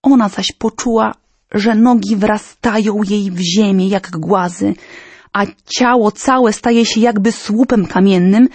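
A woman reading a historical story aloud in a measured, solemn, dramatic manner. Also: medium pitch, fairly even intonation, darkish tone, slightly rough, no room sound. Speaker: narrator. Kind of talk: storybook narration.

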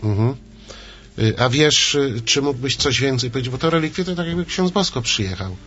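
A man's voice: medium pitch, expressive, normal speed, fairly bright tone, dull audio. A man hosting a radio show, chatty and coaxing his guests to talk. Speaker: radio host. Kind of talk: casual radio chat.

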